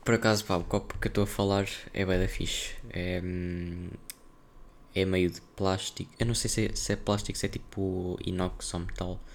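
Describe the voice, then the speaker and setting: A man's voice: sits low, flat delivery, normal speed, a little hiss or hum. A young man with a European Portuguese accent chatting casually on a solo podcast, rambling and slangy as he thinks aloud. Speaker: podcast host.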